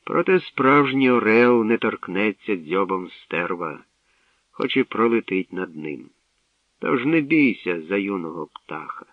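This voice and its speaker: A man voicing a calm wise old bard. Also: on the low side, no echo. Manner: measured, sage-like. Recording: tinny, distant lo-fi radio recording.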